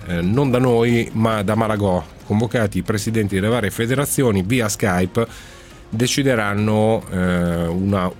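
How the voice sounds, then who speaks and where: A man's voice: on the low side, a little mellow. A man hosting a radio talk show in a conversational way. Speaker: radio host. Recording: faint music behind the voice. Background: faint music.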